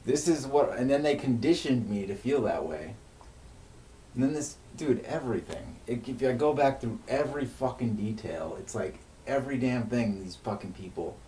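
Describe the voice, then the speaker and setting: A man's voice: mid-range voice, expressive, normal speed, warm tone. A man ranting angrily and swearing a lot on a livestream, often breaking off and restarting his sentences. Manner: agitated, swears heavily, rants with frequent restarts. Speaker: streamer. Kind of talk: unscripted venting monologue on a livestream. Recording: echoey room, mic at a distance, faint noise.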